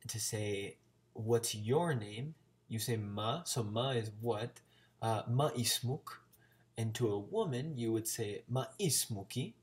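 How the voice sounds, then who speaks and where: A man's voice: fairly low pitch, darkish tone. An American man talking casually in a vlog, chattily sounding out Arabic words as a learner. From United States. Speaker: language-learning vlogger.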